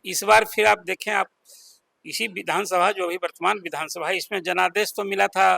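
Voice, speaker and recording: Gravelly, deliberate male political analyst. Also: high-pitched, fairly even intonation, bright, forceful tone, no room sound. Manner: deliberate, explanatory, with pauses and fillers. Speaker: senior journalist, panel guest.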